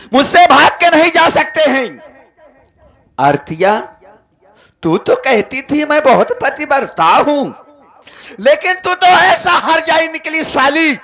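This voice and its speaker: A man's voice: extremely high pitch, pushed and bright, full character voice. A man playing a betrayed, hot-tempered brother in a folk stage drama, declaiming melodramatically to the audience.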